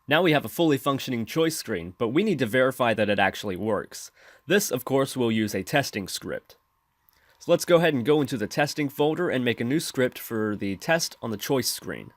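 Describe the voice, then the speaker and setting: This is a man's scripted screen-recording voice-over for a tutorial, explained methodically step by step. He speaks at medium pitch into a close mic, and the recording is dry.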